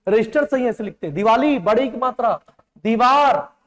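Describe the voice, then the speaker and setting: A man's voice: very high voice, animated, quick pace, big-room sound, poor audio. A male teacher giving an exam-prep lecture, drilling spellings and checking that students follow along. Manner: drills spellings, calls students beta, repeats "clear hai?".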